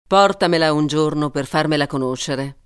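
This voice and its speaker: A man voicing a haughty queen and a shouting wife in a storybook reading, in a shrill falsetto. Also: normal speed, smooth, dry recording, clean studio sound, natural voice.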